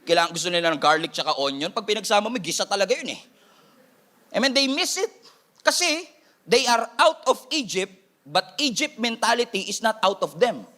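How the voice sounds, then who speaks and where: Man, Filipino accent, pastor, energetic sermon, high voice, bright ringing tone. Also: fairly quick. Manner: energetic preaching, switching between Filipino and English, playful asides.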